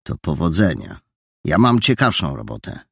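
A man's voice: rumbling low, huge pitch swings, moderate pace, vocal fry, fairly bright tone, husky, no room sound, studio quality, full character voice. A man voicing an aloof, sulky boy who answers curtly and coldly. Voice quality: curt, cold. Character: aloof, sulky boy, former detective chief.

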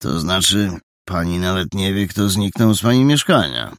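A man's voice: sits low, lively intonation, moderate pace, dry recording, clean studio sound. A man voicing a stern, burly police sergeant who grumbles and snaps at kids. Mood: gruff. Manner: gruff, grumbling.

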